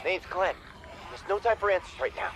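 A man's voice: high voice, moderate pace, crowd noise, natural voice. An actor playing a young male survivor in a video game, wisecracking and sarcastic. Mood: wry.

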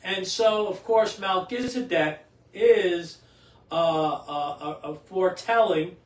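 An older priest's fairly high voice reads scripture and then preaches in a small home chapel. He sits back from the camera, so the sound carries a roomy echo. His readings are steady and measured, and his homily is looser, with repeated words and restarts. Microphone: camera a few feet away. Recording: roomy echo, distant from the mic.

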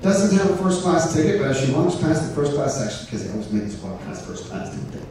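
A man's voice: on the high side, big pitch swings, fast, mellow. An upbeat middle-aged man working a theater crowd as a cruise director, making announcements and telling jokes with a showman's delivery. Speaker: cruise director and stage host. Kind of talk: stand-up joke telling and announcements to a live audience. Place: large indoor theater stage. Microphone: handheld mic through PA, recorded from audience. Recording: echoey theater PA, distant, noisy.

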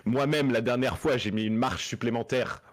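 A man's voice: mid-range voice, moderate pace. A man chatting on a streamed panel show. He argues his point emphatically and keeps poking fun at himself. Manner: self-mocking, emphatic. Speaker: regular panelist. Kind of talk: casual streamed chat.

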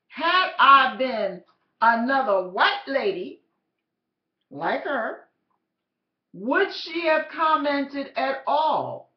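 Woman blogger with a preachy storytelling tone, slow and animated, asks many rhetorical questions. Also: high-pitched. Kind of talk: storytelling exhortation. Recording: roomy, slightly dull.

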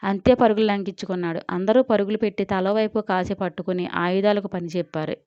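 A woman narrating an audio story in a lively storytelling manner. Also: medium pitch, fast talker, no echo. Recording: dry, slightly dull audio.

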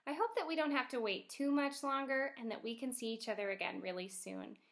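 With a high-pitched, slightly bright voice and a fairly quick pace, a young woman who teaches first grade reads expressively and clearly to young children, picture book style.

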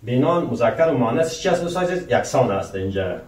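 A man's voice: medium pitch, lively intonation, a little mellow. Male teacher, patient explainer who quizzes his viewers. Recorded distant in an echoey room. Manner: keeps asking the viewers rhetorical questions, calling them dear friends; slow, careful pronunciation of French example sentences. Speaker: language teacher. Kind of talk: French lesson taught in Persian. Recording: roomy, voice a bit far from the mic.

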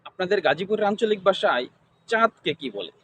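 Interviewer, man, high voice, repetitive formal questions. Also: sing-song, fairly quick, a bit bright, a little hiss or hum.

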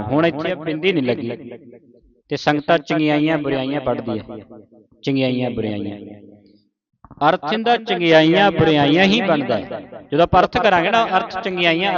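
A man teaching a class how to pronounce scripture. He recites slowly, syllable by syllable, corrects common mistakes and keeps checking that the class understands. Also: a little high. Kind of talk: pronunciation lesson. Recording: dull lo-fi sound with a class answering.

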